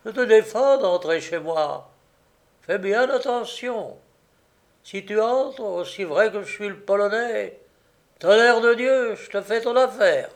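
A man voicing a gruff, defiant poor woodsman who shouts threats in a read-aloud story. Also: sits high, slow. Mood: furious. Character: gruff, furious poor old Polish woodsman.

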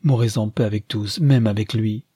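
A dying woman who was once a tragic actress, commanding and theatrical, as a male narrator voices her. Her voice sits low and husky, his own reading voice with a dry, close sound. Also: fairly even intonation, moderate pace, dark tone, dry recording. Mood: bitter.

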